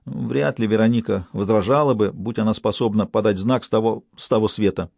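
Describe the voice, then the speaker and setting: A man's voice: on the low side, steady tone, fairly quick, vocal fry, darkish tone, no echo, clean studio sound. Man voicing a hysterical young clerk. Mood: distraught. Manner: hysterical, pleading. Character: panicky young male bank clerk. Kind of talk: audiobook reading.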